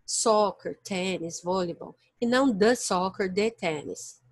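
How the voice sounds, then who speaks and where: Teaching English online from her home, a woman with a Brazilian Portuguese accent speaks slowly at a medium pitch on a dry recording. She breaks explanations into steps and makes sure her students are keeping up.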